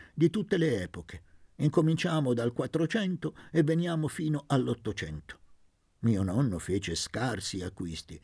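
A man voicing an eccentric, mocking old male landowner in an audiobook, grandiose and given to sudden shouts. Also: a little high, vocal fry, breathy edge, no echo, clean studio sound, voice pushed up, full character voice. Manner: grandiose, shifting from teasing to shouting. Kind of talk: audiobook reading.

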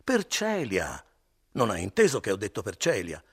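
Wily middle-aged innkeeper, read by a man: coaxing, deep, raspy, audiobook. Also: very animated, measured pace, heavily acted. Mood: urgent. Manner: wheedling, falsely gentle, then curt. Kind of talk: audiobook character voice.

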